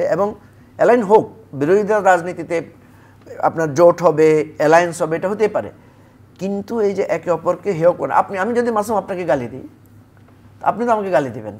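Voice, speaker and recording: A man's voice: sits high, a little mellow. A man debating politics as a guest on a television talk show, arguing with rhetorical questions.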